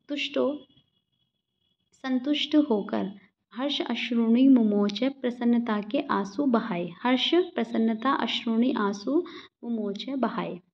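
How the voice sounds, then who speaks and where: Woman teacher, slow and methodical, repeats each phrase; muffled lo-fi audio. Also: fairly high pitch. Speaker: Sanskrit teacher. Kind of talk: line-by-line Sanskrit explanation in Hindi. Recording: dull lo-fi recording.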